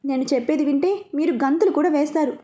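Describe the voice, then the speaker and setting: Woman as excitable mother, middle-aged, loud and high. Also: quick pace, natural voice. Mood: excited. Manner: excited, exclaiming.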